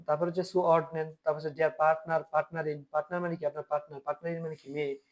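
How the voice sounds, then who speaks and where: A man's voice: fairly high pitch, little pitch movement, very fast. A man teaching German vocabulary in a Bengali lesson. He has a Bangladeshi accent, asks questions, answers them himself and often checks that students are following.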